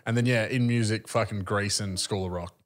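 A man's voice: on the low side, steady tone, fairly quick. An Australian man in his thirties chatting casually as a podcast co-host, crude and slangy, swearing freely in comic banter.

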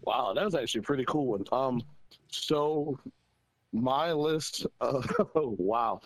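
A man's voice: medium pitch, takes it slowly, slight background noise, low-quality recording. A man co-hosting a podcast, hesitant and full of fillers in casual chat. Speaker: podcast co-host.

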